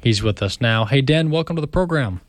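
A man hosts a talk radio show, chatting with a guest in a friendly, unscripted way full of "um"s. His voice sits in a middle pitch. The studio sound is dry and close to the mic. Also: lively intonation, a little fast, dry recording. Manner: friendly, with frequent fillers. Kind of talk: casual radio interview.

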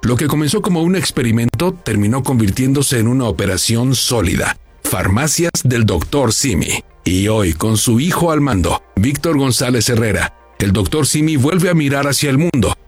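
A man reading a scripted news feature as narrator, measured and polished. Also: mid-range voice, lively intonation, breathy edge. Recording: voice-over with faint music.

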